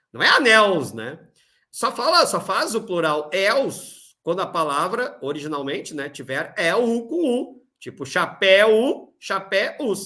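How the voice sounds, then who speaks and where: A man from southern Brazil with a gaúcho accent, teaching a recorded Portuguese grammar lesson, explaining step by step and slowing to spell out examples. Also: a little high, sharp tone. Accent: Rio Grande do Sul Brazilian Portuguese. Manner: explanatory, tag questions, slows to spell out examples. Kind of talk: recorded exam-review lesson.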